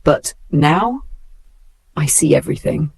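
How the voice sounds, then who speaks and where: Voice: medium pitch, expressive, takes it slowly, vocal fry, darkish tone, breathy edge, no echo, full character voice. The narrator voicing a wronged young woman who speaks coldly and firmly. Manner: cold and firm. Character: wronged young woman, hurt turning cold.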